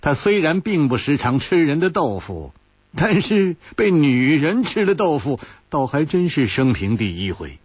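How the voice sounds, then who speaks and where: A man telling a pingshu-style story in a lively, animated way, often laughing at his own lines. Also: fairly high pitch, measured pace, breathy edge, no echo, lo-fi sound.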